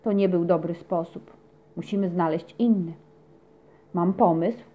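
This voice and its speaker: A woman voicing a curious, adventurous female cat in a children's audio story, eager and excitable. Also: lowish voice, unhurried, close to an everyday voice. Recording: dull lo-fi recording.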